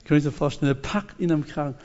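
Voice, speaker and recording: A man preaching a sermon, retelling a parable with lively storytelling, acting out its characters and speaking straight to his congregation. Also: on the high side, racing. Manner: addresses the congregation directly. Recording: reverberant hall, dull lo-fi sound.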